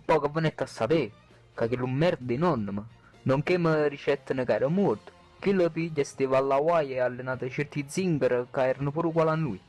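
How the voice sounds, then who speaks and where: A man's voice: mid-range voice, brisk, darkish tone, natural voice. A man with a Neapolitan accent voicing brash, foul-mouthed football players in a comic anime fan dub, speaking exaggerated colloquial dialect. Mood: boastful narrating. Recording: background music behind the voice.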